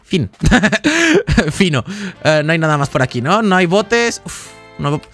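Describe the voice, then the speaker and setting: A man's voice: a little high, wildly swooping pitch, takes it slowly, fairly bright tone, faint music behind. A man, livestreaming a game and chatting casually in a rambling, jokey way as he reads out donations and chat. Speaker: gaming livestreamer. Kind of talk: casual live-stream chat while gaming.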